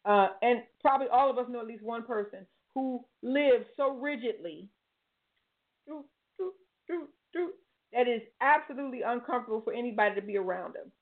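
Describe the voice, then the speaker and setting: A woman's voice: on the high side, fast, hardly any pauses. An older woman hosting a talk show, giving preachy, folksy motivational advice and repeating her key phrases. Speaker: talk show host and life coach. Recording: tinny phone-like line.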